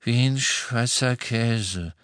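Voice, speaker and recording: A male narrator playing a wounded young man who keeps cracking slow, drawn-out jokes. A raised, spirited storybook voice. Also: high voice, expressive, a bit bright, no echo, pitched above the performer's own voice. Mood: dazed joking.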